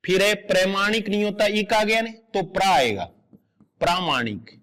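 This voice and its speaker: High-voiced man teaching exam grammar. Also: expressive, moderate pace, a bit bright. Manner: patient, step-by-step explaining, repeats correct forms aloud. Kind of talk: explanatory lecture.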